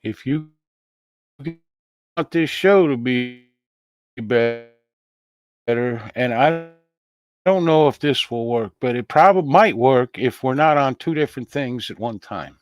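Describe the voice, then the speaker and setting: A man's voice: mid-range voice, slow pace, pauses often. A man hosting a casual talk show, exasperated and cursing. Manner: exasperated, curses. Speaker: host.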